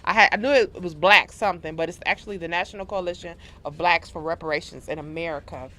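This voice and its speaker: A woman's voice: fairly low pitch, steady tone, quick pace, sharp tone. A woman hosting a community radio show, interviewing her guests in an informal, conversational way.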